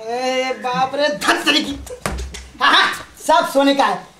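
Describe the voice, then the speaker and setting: A man playing a boastful young son in a live stage play, mixing English words into his talk and flaring into shouts. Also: very high voice, takes it slowly, noisy background. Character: brash young man, showy city-returned son. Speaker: stage actor. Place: theatre stage. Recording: echoey stage.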